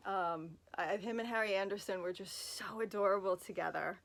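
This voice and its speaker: Her mid-range voice moves at a normal speed with some vocal fry, colored by her Brooklyn, New York roots. She lounges in bed answering fans' questions into a phone, chatting and rambling, making fun of herself amid lots of fillers and side remarks.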